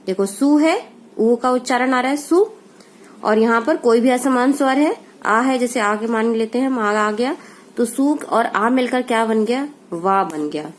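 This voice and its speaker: A woman teacher giving a grammar lesson, asking questions and answering them herself, with a faint hiss behind her. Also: on the high side.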